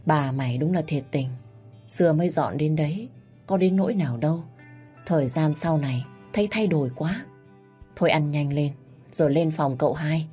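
A caring older servant woman speaks briskly and plainly, voiced by a woman narrator. Her voice is low, and her concern sounds matter-of-fact. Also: mellow, faint music behind, close to an everyday voice.

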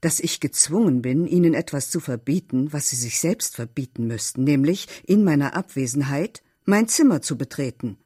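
A man's voice: a little high, expressive, moderate pace, few pauses, mellow, slightly rough, voice pushed up. A man reading an audiobook, voicing a curious, talkative young woman lodger with an inquisitive, lightly mocking manner. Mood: curious, teasing.

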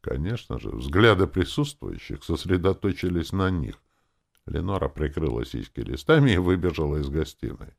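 A man reading a first-person fantasy audiobook with a wry, lively delivery. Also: very deep voice, moderate pace, gravelly. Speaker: audiobook narrator.

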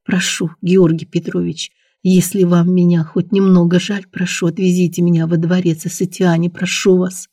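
A man voicing an anxious young noblewoman in an audiobook, who talks in a soft, pleading way. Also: high-pitched, little pitch movement, normal speed, few pauses, no room sound, clean studio sound.

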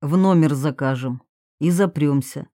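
A calm, gently teasing grown man, as a woman reader lowers her voice for him, speaks softly and without hurry. The tone is dark and mellow. The sound is dry and close, as in an audiobook. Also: dry recording. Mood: gentle. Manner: low, soft and unhurried.

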